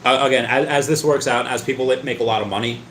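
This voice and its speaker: A man with a steady, slightly bright medium-pitched voice speaks quickly while hosting a casual livestream. Talkative and rambling, he reads chat comments aloud, often stammering and repeating words. A little hiss or hum sits under the roomy, echoing sound.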